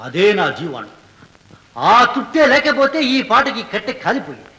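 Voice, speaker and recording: A man playing a pompous politician witness, high lively voice, fast, bright, echoey old film audio. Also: exaggerated voice. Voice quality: pompous, self-righteous. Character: pompous self-important male politician witness. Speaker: witness in court. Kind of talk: 1970s Telugu film acting.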